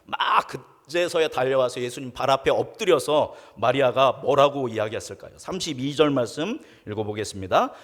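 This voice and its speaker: A male pastor preaching a sermon, who asks his congregation questions and answers them himself, and reads scripture slowly and solemnly. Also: medium pitch, expressive. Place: church sanctuary. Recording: long reverb of a church sanctuary.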